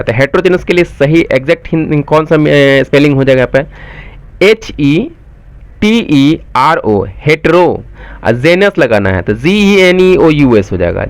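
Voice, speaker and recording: Man spelling words slowly, fairly high voice. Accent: Bihari Hindi. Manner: spells words slowly letter by letter, then explains quickly; asks the viewers questions and answers them himself. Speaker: exam coaching teacher. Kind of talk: spoken spelling lesson, letter by letter.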